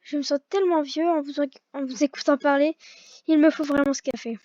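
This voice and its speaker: A woman's voice: high-pitched, fairly even intonation, brisk, a little mellow, no echo, natural voice. A woman voicing a tired male cop of 38 who jokes about feeling old, in dry self-deprecating banter. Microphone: old gaming headset. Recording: dull lo-fi gaming headset mic.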